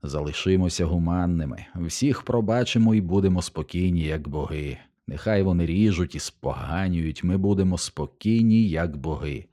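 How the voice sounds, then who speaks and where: Man voicing a contemptuous, weary nobleman in an audiobook, deep, mellow and unhurried. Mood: brooding. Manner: cold, contemptuous, measured. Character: cold, haughty nobleman, weary of violence.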